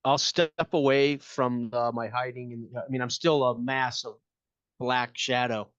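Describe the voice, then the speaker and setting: A man's voice: mid-range voice, level tone, normal speed, a bit bright, smooth, no echo, highs cut off. A man playing a tabletop game, casually chatting and describing what his character does.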